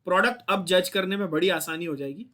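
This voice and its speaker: A man with an Indian accent teaches a chemistry class in a high, fast, somewhat bright voice. He lectures step by step and checks in with the students often.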